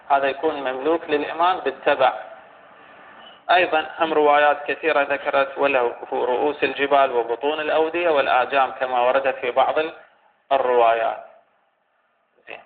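A man teaching a religious legal text in a lecture, pausing and restating phrases as he explains. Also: mid-range voice. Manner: halting, repeats and restates phrases while explaining. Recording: tinny phone-like recording with faint hiss.

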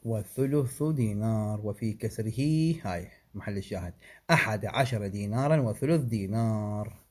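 A man gives a seminary-style lesson on religious law. He recites each figure in a measured, deliberate way and stops now and then to explain or correct himself. His voice sits low and has a warm, dark tone. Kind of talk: seminary lecture, reading and explaining a text.

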